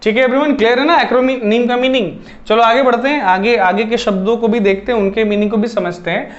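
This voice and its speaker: High-voiced Indian man teaching vocabulary. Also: fairly even intonation, brisk. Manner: repetitive, addresses listeners as "everyone", mixes Hindi and English. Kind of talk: classroom-style lesson explaining word roots. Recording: slightly dull, lo-fi audio.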